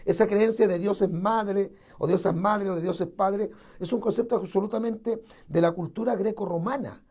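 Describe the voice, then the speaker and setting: A man's voice: high-pitched, fairly even intonation, normal speed, darkish tone, husky. A man preaching a sermon, emphatic and repetitive, piling up strong words. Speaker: pastor.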